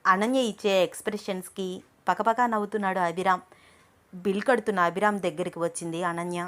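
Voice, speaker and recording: A woman narrating a love story as a storyteller, with expressive, scripted delivery. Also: medium pitch, brisk.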